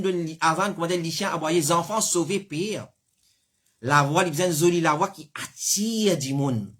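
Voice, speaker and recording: A man's voice: sits high, a bit bright. A man with a Mauritian accent giving religious teaching, explaining and sounding out pronunciations himself. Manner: explanatory, demonstrates pronunciations aloud. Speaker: Islamic scholar answering questions.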